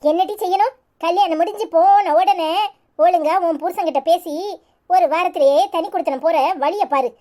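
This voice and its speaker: Woman as a bossy, scheming cartoon mother, Tirunelveli accent, hushed and high-pitched. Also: moderate pace. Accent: Tirunelveli Tamil. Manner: low-voiced, conspiring.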